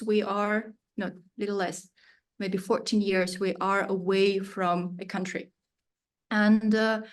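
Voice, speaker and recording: Appearing as a guest, this woman in her thirties, a studio founder whose first language is Russian, speaks at medium pitch. She feels her way through interview answers, using many fillers and non-native grammar.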